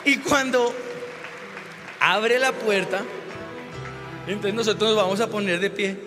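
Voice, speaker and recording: A man preaching a sermon as a pastor, telling a personal story with animated delivery that rises to shouted exclamations. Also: high-pitched, measured pace, long reverb tail, music in the background, crowd noise.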